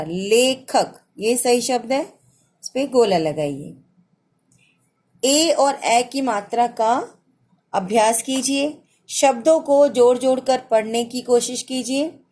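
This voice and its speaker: A woman teacher giving a patient, slow children's phonics lesson, repeating each word for young pupils. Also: on the high side, a little mellow.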